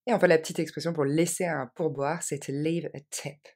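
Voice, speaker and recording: A woman teaching English phrases to French speakers, repeating each one slowly and then quickly. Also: sits low, fairly even intonation, darkish tone. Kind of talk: language lesson with repeated model phrases.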